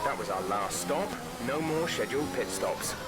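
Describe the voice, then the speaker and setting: A man voicing a calm race engineer who gives clipped, matter-of-fact status reports as terse pit radio calls. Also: lowish voice, normal speed, music in the background. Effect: terse pit radio call.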